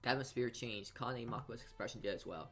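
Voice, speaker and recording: As a let's player, this man reads visual novel narration aloud and stumbles over words a lot, accompanied by game music. He has a fairly bright, mid-range voice and a brisk delivery.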